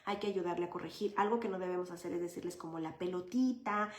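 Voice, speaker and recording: A woman's voice: lowish voice, flat delivery, rapid-fire. A woman, a child psychologist answering viewer questions in a live session, explaining patiently and conversationally with many fillers. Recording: roomy echo.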